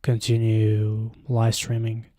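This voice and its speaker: A young Bulgarian-accented man rambles hesitantly on a casual home live stream, full of fillers, holding a handheld mic close to his mouth. His lowish, warm voice stays monotone and slow. The recording is dry and clean, like studio sound.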